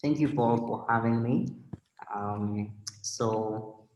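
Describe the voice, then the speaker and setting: A man from Kenya with a Kenyan accent, a guest on a remote video interview, speaking in a measured way with many pauses and fillers. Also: mid-range voice, a little mellow, reverberant, lo-fi sound, slight background noise. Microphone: video call.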